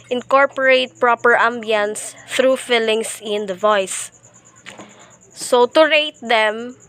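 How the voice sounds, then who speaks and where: A young woman from the Philippines reading a class report aloud, slowly and carefully, with small slips and restarts. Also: fairly high pitch, sharp tone. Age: young adult. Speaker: student presenter.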